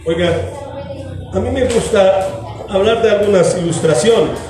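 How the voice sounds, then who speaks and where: High-voiced pastor preaching, echoey hall. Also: male voice, unhurried. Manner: preaches with rhetorical questions to the congregation and acted-out everyday scenes. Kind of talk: sermon. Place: church hall. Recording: echoey church hall from far off with music.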